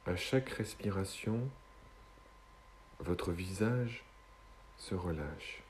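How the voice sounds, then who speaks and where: A man guiding a hypnosis session in a slow, soothing hypnotist's manner, with long pauses between short phrases. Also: low voice, slight background noise.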